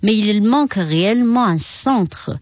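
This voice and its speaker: A middle-aged woman from China, with a Chinese accent, speaking as an interview guest who often pauses and searches for words. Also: medium pitch, expressive, dry recording, lo-fi sound. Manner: halting, searching for words with many fillers. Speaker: guest, Qigong and Tai Chi teacher. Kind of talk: radio interview.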